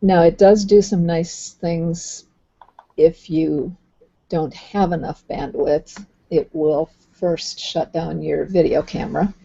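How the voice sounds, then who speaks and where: A woman hosting a video call, patiently explaining how the software works and thinking aloud as she goes. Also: on the low side, steady tone, slow pace, vocal fry, breathy edge. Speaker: host. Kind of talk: casual explanatory chat. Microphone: computer mic on a video call. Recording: dull lo-fi online call audio.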